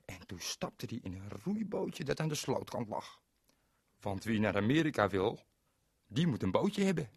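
A man spinning a bedtime-style tale for kids, talking straight to his young listeners in a playful way. His voice is a bit husky, and his pitch rises and falls with lively swings. The sound is dry and close. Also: moderate pace, no room sound. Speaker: children's radio storyteller. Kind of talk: storytelling for children.

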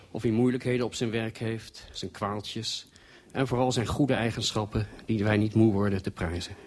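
Male narrator, wry and dry, reading a comic tale. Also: lowish voice.

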